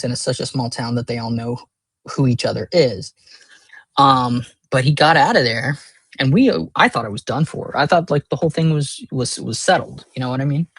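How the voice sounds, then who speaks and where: Rambling casual storyteller, husky voice, filler-heavy, crude words, dry close sound. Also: medium pitch, no room sound.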